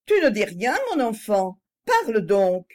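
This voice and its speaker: A woman reading the part of an excitable, tender aristocratic lady in a storybook, in an emotional, pleading manner. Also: mid-range voice, measured pace.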